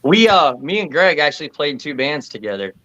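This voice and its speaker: A man's voice: on the high side, sing-song, fairly quick, a bit bright, highs cut off. A man with a Florida accent in a casual, slangy chat, talking as a musician in a band. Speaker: band vocalist and guitarist.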